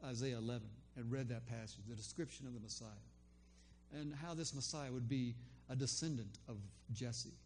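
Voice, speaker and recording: Slight background noise accompanies an older man speaking steadily at a moderate pace in a mid-range, slightly mellow voice. He rambles through a casual testimony about a faith conversation, with plenty of ums and restarts.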